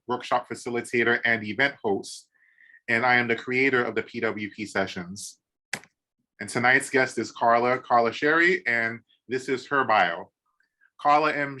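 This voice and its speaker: A man's voice: mid-range voice, normal speed, sharp tone. A man hosting a poetry podcast interview over a video call, enthusiastic, with many "um"s and repeated "awesome". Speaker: podcast host.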